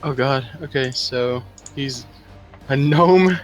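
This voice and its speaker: A man's voice: medium pitch, takes it slowly, soft background music. A man playing a tabletop role-playing game, chatting casually and reacting to the story as a player.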